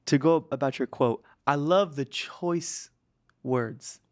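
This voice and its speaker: A man as a podcast guest, joking in a mock-solemn, deadpan way with pauses and repeats. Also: fairly high pitch, no echo, studio quality. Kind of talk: comic deadpan chat.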